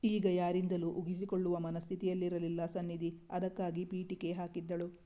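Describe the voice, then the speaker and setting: Woman storyteller for scripted narration; steady reading, dark mellow tone. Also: lowish voice, moderate pace.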